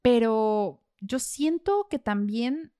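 A woman's voice: on the high side, lively intonation, slow pace, dark tone, clear, resonant tone. A Mexican woman hosting a podcast, chatting casually with lots of fillers and little laughs. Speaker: podcast host.

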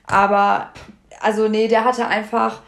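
A woman's voice: mid-range voice, level tone, unhurried. Blunt, slangy woman chatting. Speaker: podcast co-host. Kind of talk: casual chat recapping a reality show.

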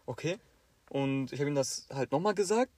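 A man's voice: moderate pace, no echo. Young man telling a story, dry close sound. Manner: animated, acts out quoted teachers with louder higher bursts. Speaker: podcast co-host. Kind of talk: casual storytelling chat.

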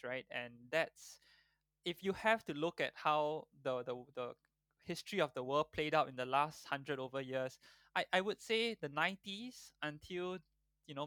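A man's voice: on the high side, pushed and bright, no room sound. A man in his twenties from Singapore, talking thoughtfully as an interview guest with frequent restarts. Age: 20s. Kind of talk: conversational interview.

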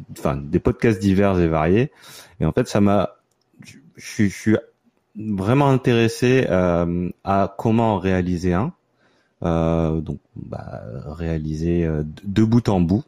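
A man, hosting a casual podcast chat and talking in a relaxed way with many fillers and restarts. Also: low-pitched, no echo, clean studio sound. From France, near Marseille. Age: 30s. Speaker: podcast host.

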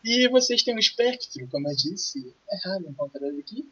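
A man with a Brazilian accent voicing a brash, ruthless, husky pirate schemer in an improvised tabletop game. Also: sits high, lively intonation, brisk, sharp tone, pitched above the performer's own voice, heavily acted. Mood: conspiratorial. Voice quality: husky, raspy. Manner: crude, conspiratorial. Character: brash, ruthless male pirate plotting a kidnapping. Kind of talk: improvised tabletop role-play. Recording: dull, lo-fi voice recording.

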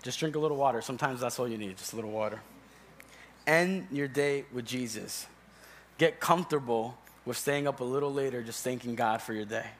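A young man serving as a church elder preaches a sermon in a church sanctuary, speaking conversationally, joking, and calling on his congregation. His voice is mid-range and a little fast, with a slight hiss or hum on the recording.

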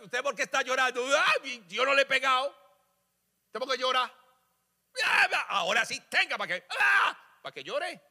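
A man voicing an exasperated parent who scolds a crying child in a shrill, nagging way, in an echoey church hall. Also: lively intonation, a little slow, sharp tone, full character voice. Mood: scolding.

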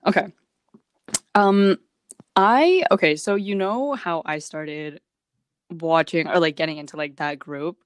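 A young woman co-hosts a casual podcast chat, giggling often and rambling with plenty of fillers. Her voice is fairly low, and she speaks unhurriedly, pausing often.

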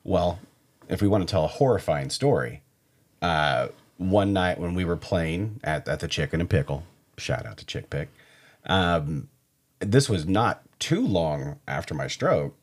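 Husky low-voiced joking man. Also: animated, unhurried. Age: 50s. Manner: joking, teasing, often interrupts. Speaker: podcast co-host. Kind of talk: casual chat.

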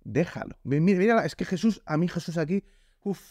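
A man with a Spain Spanish accent giving a lively, jokey sermon and acting out the voices he quotes. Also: high voice, a little fast, dry recording, clean studio sound. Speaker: pastor.

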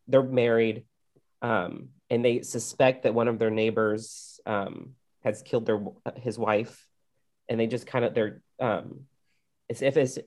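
A man's voice: mid-range voice, a little mellow. A man co-hosting a film podcast, describing a movie hesitantly with many ums. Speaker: podcast co-host. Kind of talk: casual film podcast chat.

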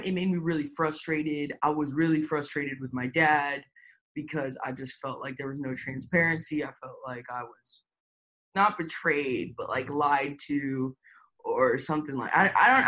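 This low-quality recording captures a young woman from Tampa, Florida, as an interview guest in a personal interview. Her voice is low and sharp at a normal speed, and she talks candidly but hesitantly, full of fillers and the occasional swear word.

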